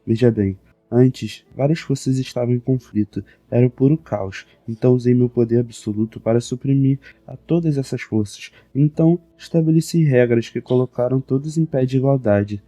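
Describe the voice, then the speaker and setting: A haughty demon queen looks down on everyone around her, imperious and scornful, in a Brazilian Portuguese accent. A man reads her in a very dark voice. The mic is dry and close. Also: medium pitch, moderate pace, no echo, natural voice. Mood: boastful. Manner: imperious, condescending.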